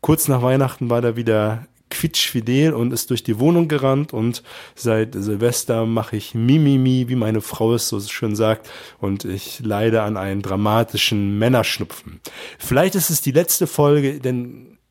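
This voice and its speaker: A man's voice: medium pitch, measured pace, a little mellow. Man, 30s, stuffy cold voice, podcast host, motivational, earnest, direct address. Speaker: podcast host, sales coach.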